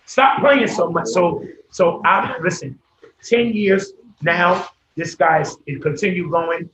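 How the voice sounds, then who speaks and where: American guy hosting a casual live, voice a bit high, echoey w some background noise. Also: slow pace, a bit bright. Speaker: host.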